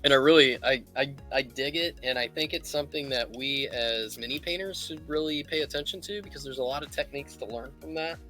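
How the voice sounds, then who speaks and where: A man hosts a casual livestream teaching miniature painting, thinking aloud and rambling as he works. His medium-pitched voice is bright and forceful, fairly quick with few pauses, over soft background music.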